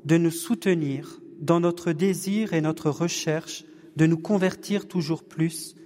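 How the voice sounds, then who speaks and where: Male parish evening leader, slightly high voice, very unhurried delivery, recorded in a reverberant hall. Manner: slow, measured and gently humorous. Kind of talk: leading a parish discussion evening. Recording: long hall reverb, distant room mic.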